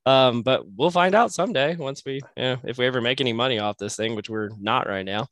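Smooth-voiced man hosting a podcast. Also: medium pitch, fast, fairly bright tone, no room sound. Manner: easygoing, teasing. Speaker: podcast host. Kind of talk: casual interview chat.

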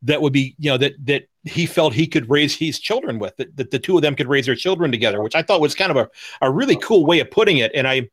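A man's voice: a little high, animated, fast, hardly any pauses, fairly bright tone, no room sound, studio quality. A man hosting a podcast in casual chat, talking hesitantly with many restarts. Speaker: podcast host.

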